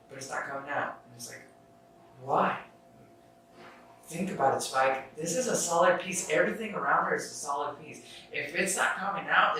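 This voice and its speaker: A man's voice: fairly high pitch, pushed and bright. Rambling young man, echoey and distant. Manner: rambling, restarts, swears casually. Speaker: podcast host. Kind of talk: casual self-help chat. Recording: echoey room, far from the mic, faint noise.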